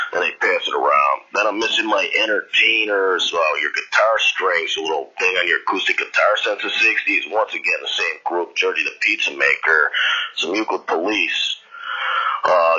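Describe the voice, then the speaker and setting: A man's voice: sits low, bright, forceful tone, slight background noise. An older man leaving a long, rambling, disjointed answering machine message, repeating himself. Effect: answering machine message recording. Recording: muffled lo-fi answering machine tape.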